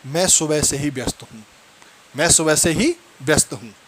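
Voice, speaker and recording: A man teaching English, drawing out each example sentence slowly and repeating it before explaining. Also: a little high, a bit bright, breathy edge. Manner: slow, drawn-out English example sentences between Hindi explanations. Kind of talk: Hindi-language English lesson.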